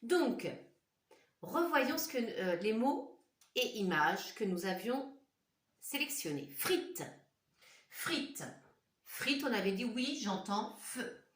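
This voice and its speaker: A primary school teacher gives young children a phonics lesson in a classroom or home room with a whiteboard, speaking slowly and clearly, sounding out words syllable by syllable and asking the kids questions directly. Her voice is on the high side and expressive, picked up by a distant mic in an echoey room.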